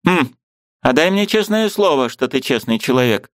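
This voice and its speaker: A man reading an audiobook and voicing a fussy, bustling old aunt who talks in a brisk, scolding, chattering way. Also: a little high, big pitch swings, no room sound, pitched above the performer's own voice.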